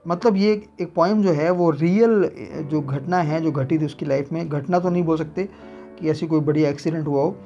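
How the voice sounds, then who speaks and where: A man's voice: fairly high pitch, normal speed, warm tone, muffled recording, faint music behind. A man teaching English literature to students, explaining a poem and mixing Hindi with English terms as he repeats key points.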